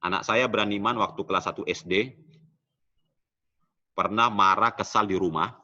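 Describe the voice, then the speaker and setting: A middle-aged man preaching a sermon in a church, in an animated preaching manner that often drops low at the end of phrases. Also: moderate pace, highs cut off. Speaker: pastor.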